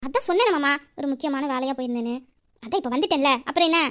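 A woman playing a quick, teasing young woman. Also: high-pitched, expressive, a bit bright. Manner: coaxing, teasing, quick banter. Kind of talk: romantic audio drama.

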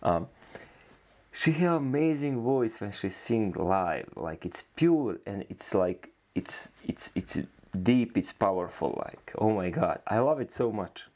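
Low gravelly man reacting casually. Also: expressive, slow, darkish tone. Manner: loose, rambling, enthusiastic, with many fillers. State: tired, yawning. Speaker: reaction video host. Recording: faint music playing behind.

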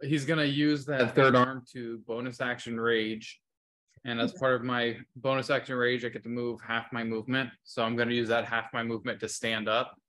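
A man's voice: medium pitch, flat delivery, normal speed, sharp tone. A man casually describing his character's moves as a player in a tabletop game. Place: indoors at home, on a video call.

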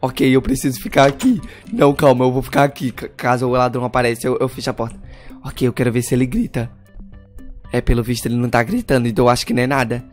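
A man's voice: mid-range voice, level tone, fast talker, darkish tone, soft background music, lightly acted. A man voicing a whiny, cowardly young boy, a spoiled superhero's son, in a Minecraft role-play. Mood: nervous. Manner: whiny, dramatic, shrieks in panic.

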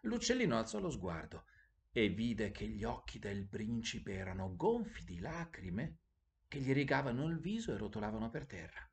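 A man, a priest, narrating a bedtime story in an expressive, sing-song storytelling manner. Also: on the low side, moderate pace, creaky. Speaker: priest telling bedtime stories.

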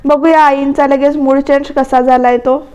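A woman's voice: high-pitched, level tone, normal speed, mellow, highs cut off. A woman narrating a voice-over recap of a television serial, retelling scenes conversationally with asides to viewers.

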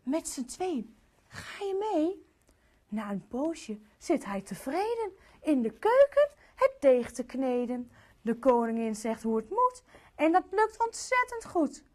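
A woman reads a rhyming children's picture book aloud in a sing-song cadence. Her voice is high and very lively in pitch, and she takes her time with each line. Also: unhurried. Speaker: storyteller.

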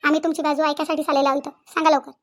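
A woman's voice: sits high, little pitch movement, rapid-fire, close to an everyday voice. A woman voicing a chatty village sister-in-law. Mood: accusing. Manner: bickering, confronting.

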